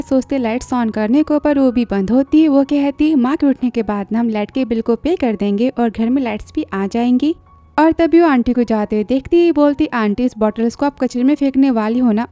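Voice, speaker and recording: A woman retells a drama's plot in a high voice, quick to slip into the characters' lines. Her tone is mellow and a little dark. The close, dry voice-over has faint music behind it. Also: no room sound. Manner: retells the plot in a chatty way, briefly acting out each character's lines. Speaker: drama recap narrator. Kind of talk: storytelling recap of a drama.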